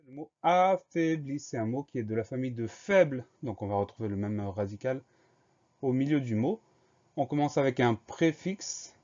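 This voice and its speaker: A man teaching a spelling lesson, spelling words out letter by letter in a slow, careful way. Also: medium pitch, warm tone, lo-fi sound.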